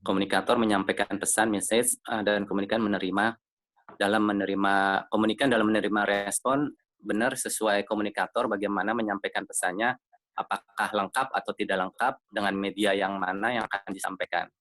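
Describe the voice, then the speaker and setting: A man's voice: fairly low pitch, fairly even intonation, a little fast, a bit bright. A man in a workshop class giving a hesitant, formal explanation. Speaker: workshop participant. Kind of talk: answering in class.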